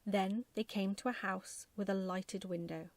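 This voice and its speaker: A woman narrating a bedtime story in a soft, gentle, measured ASMR style. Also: mid-range voice, fairly even intonation, dry recording.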